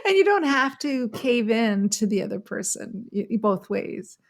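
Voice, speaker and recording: A woman co-hosting a podcast in casual chat, easygoing and quick to laugh along. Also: a little high, big pitch swings. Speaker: podcast co-host.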